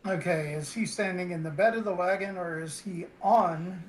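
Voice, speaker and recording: High-pitched guy playing dnd, faint background hiss. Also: fairly even intonation, normal speed, poor audio. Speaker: player. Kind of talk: casual tabletop game chat.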